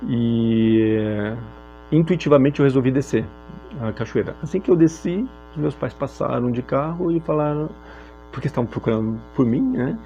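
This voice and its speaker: A man from Brazil sharing a personal testimony in a reflective, halting way with frequent filler pauses. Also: mid-range voice, dark tone, dull audio, faint music behind. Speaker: speaker sharing a personal story.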